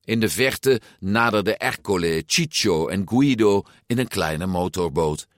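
A man reading a children's story aloud with expressive, lively intonation. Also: sits low, unhurried, no echo, studio quality. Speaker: storybook narrator. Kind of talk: storybook read-aloud narration.

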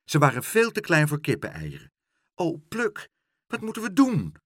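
A man voicing an eager, lively young girl who talks excitedly, in a read-aloud children's story. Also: on the high side, normal speed, no echo, clean studio sound, pitched above the performer's own voice.

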